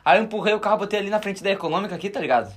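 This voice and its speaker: In an excited, casual, slang-heavy chat, a young podcast co-host with a Rio Grande do Sul accent from southern Brazil tells a story. He talks very fast in a high-pitched voice.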